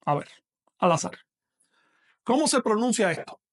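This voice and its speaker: A man's voice: sits high, big pitch swings, normal speed. A man teaching a live online lesson, patiently explaining step by step and asking questions that he then answers himself.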